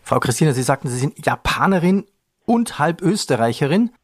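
A man moderating a finance podcast interview, brisk and lightly joking. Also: on the high side, very animated, dry recording.

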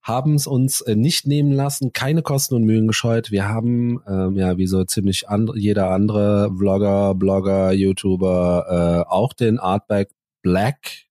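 A man co-hosting a podcast in casual chat, open and friendly, often pausing on ums and uhs as he thinks. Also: on the low side, steady tone, dark tone, dry recording, studio quality. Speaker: podcast co-host.

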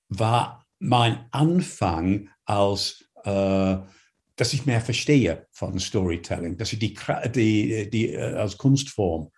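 A man's voice: fairly low pitch, a little mellow. A man from England with an English accent, a native English speaker, answering interview questions as a storyteller, hesitant and full of fillers while he searches for words.

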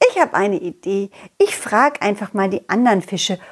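A woman voicing a cheerful, excitable young male dog who tells an audio story to children in a bouncy, sing-song manner. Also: mid-range voice, normal speed, slightly rough.

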